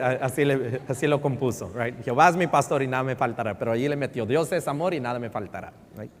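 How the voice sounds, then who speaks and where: A male pastor preaching a sermon in a church, mixing Spanish with English and often checking in with "right?", shifting between loud emphasis and near-murmurs. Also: on the high side. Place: church sanctuary. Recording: long reverb in a large hall.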